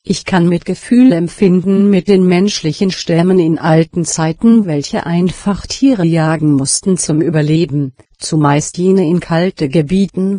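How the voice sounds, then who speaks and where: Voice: medium pitch, warm tone, dry recording, studio quality. A computer-generated voice of unclear sex reading scripted audiobook narration in a stilted, literal manner. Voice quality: synthetic computer voice. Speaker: audiobook reader.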